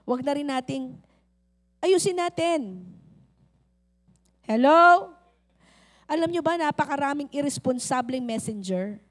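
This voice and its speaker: A middle-aged woman pastor with a Filipino accent, preaching a lively sermon that mixes in English, acting out little scenes and calling out to the crowd. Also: sits high, moderate pace, soft background music.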